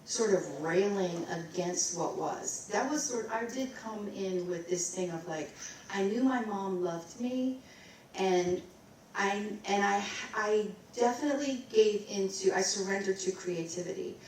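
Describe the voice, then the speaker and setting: A woman's voice: mid-range voice, measured pace, darkish tone, a little hiss or hum. Middle-aged female vocalist, loose rambling talker who breaks into scat; distant, reverberant hall sound. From Maryland, USA. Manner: rambling, scats and sings snippets. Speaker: guest vocalist. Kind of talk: casual onstage interview. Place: recital hall. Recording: roomy hall, distant mic.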